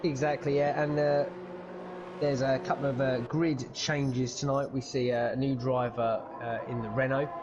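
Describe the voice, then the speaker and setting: A man's voice: mid-range voice, little pitch movement, moderate pace, muffled recording, noisy background. A man co-commentating a live sim-racing league in loose, cheeky banter. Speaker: race commentator.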